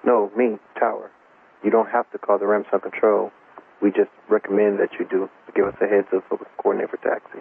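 A man's voice: lowish voice, monotone, brisk, gravelly. A male ground controller giving matter-of-fact, procedural air traffic instructions over radio. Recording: narrow, slightly noisy aviation radio.

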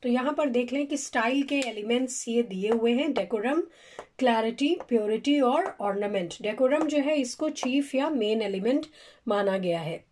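Woman teacher, slightly high voice. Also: normal speed, a little mellow. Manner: explains step by step, asks and answers own questions; mixes English terms into Hindi. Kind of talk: lecture explaining literature course material.

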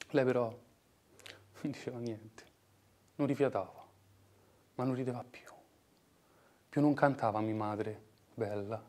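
A man acting an anguished working-class son in a dramatic monologue, with a Roman dialect accent, moving between hushed murmurs and impassioned outbursts. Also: medium pitch, natural voice. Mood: bitter, sorrowful. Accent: Roman (old Romanesco dialect). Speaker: actor.

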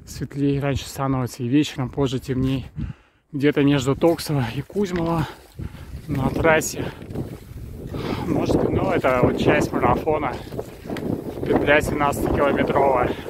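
A man chatting casually to his camera as he skis a forest trail, rambling and pausing for breath. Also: medium pitch. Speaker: skier filming his training. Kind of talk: casual spoken commentary while skiing. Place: outdoors on a snowy forest ski trail. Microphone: action camera worn while skiing. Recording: wind noise on the mic. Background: wind rushing past the mic.

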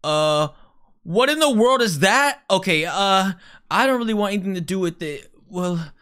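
A man hosting a gameplay video, talking to himself as he plays and exclaiming loudly when startled. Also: sits high, animated, moderate pace, clean tone. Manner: jumpy, exclaims loudly at scares; talks to himself while playing. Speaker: gaming video host. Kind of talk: casual gameplay commentary.

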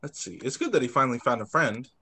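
A young teacher animates a picture-book read-aloud for little kids over a video call from indoors, voicing each character and slipping in brief asides. He talks quickly in a medium-pitched, slightly rough voice with vocal fry.

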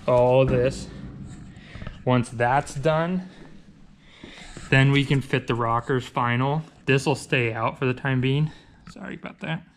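A man casually narrating a walkthrough of a car project in a shop, relaxed and loose, with fillers and restarts. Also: mid-range voice, slight background noise. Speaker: garage vlogger. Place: body shop and home garage.

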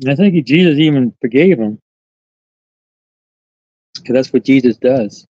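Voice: mid-range voice, lively intonation, measured pace, warm tone, no room sound. A person with a Puerto Rican accent hosting a casual live chat, playful and bantering. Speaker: livestream host. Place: live stream of an eclipse viewing. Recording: dull lo-fi livestream audio.

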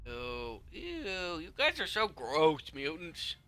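Chatty man with a bright lively voice. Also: a little high, slow pace. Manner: chatty, talks to game characters, sudden yelps and whispers. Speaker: let's play gamer. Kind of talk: casual game commentary.

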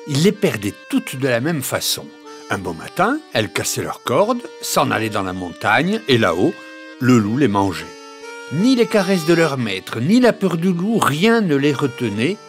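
A man reading a classic children's story aloud, expressive, with dramatic swings in his delivery. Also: medium pitch.

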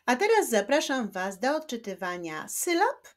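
A woman teacher giving a children's reading lesson, slowly clapping out words syllable by syllable. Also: on the high side, big pitch swings. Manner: slow, clapping out syllables one by one.

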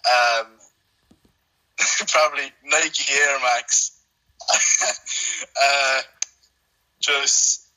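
A man with an Irish accent answering quiz questions on a podcast, hesitant and halting as he searches for words. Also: mid-range voice, sharp tone, poor audio. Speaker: quiz contestant.

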